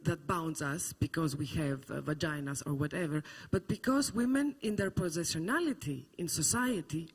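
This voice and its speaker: Husky man moderating a panel. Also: sits high. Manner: thoughtful, rambling with fillers. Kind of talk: public panel discussion.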